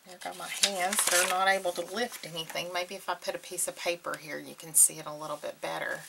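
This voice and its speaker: A woman hosting a casual craft tutorial with a gravelly voice and a slightly sore throat, murmuring unhurriedly as she works. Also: lowish voice, level tone, brisk, background noise. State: slightly sore throat, clearing it now and then. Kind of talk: casual hands-on craft tutorial, talking while working.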